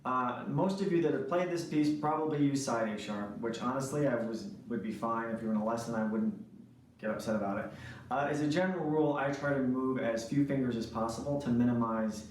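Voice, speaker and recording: A man teaches saxophone fingerings in an instructional lesson, often pausing to ask "right?". His voice sits at an ordinary middle pitch. The recording is heavily echoey, with the mic set back from him. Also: slight background noise. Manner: explanatory, frequent "right?" checks. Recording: echoey room, mic at a distance.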